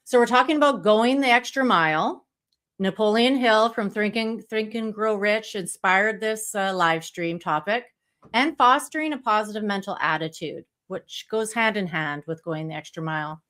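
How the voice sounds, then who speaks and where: A woman's voice: mid-range voice, moderate pace, a bit bright. A woman hosting a motivational live stream in a chatty, conversational style.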